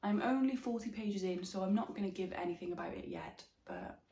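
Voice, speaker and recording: A woman's voice: mid-range voice, huge pitch swings, a little fast, mellow, slight background noise. A young woman from Wales giving a chatty, thoughtful book review in a casual reading vlog, often trailing off and restarting her thoughts. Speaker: book vlogger.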